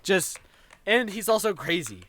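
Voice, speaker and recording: A man's voice: sits high, sing-song, a little slow, fairly bright tone. Playful rambling male podcast co-host. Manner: rambling, playful, gestures while talking. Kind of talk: casual chat.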